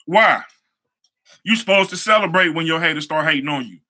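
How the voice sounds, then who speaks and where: A young man with a high, very bright and sharp voice tells stories from his life as a motivational talk. He speaks casually, circles back on his phrases and drops easygoing slang. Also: fairly quick. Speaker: show host, hair stylist.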